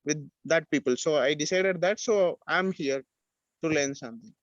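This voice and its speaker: A man's voice: fairly high pitch, normal speed, no echo. A man taking part in an online workshop, polite and rambling, often saying "sir". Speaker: workshop participant. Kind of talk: casual chat. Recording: dull, dry audio.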